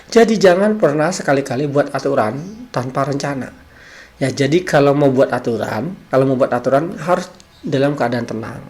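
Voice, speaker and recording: A man giving a parenting lecture, explaining calmly and posing rhetorical questions. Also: medium pitch, moderate pace. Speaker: parenting speaker.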